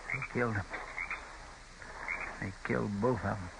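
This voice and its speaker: Chester, creaky folksy deputy. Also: male voice, on the low side, moderate pace. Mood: somber. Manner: drawling, deferential, homespun. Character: folksy, grumbling but loyal frontier deputy sidekick. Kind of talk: old-time radio western acting. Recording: very noisy old radio drama recording.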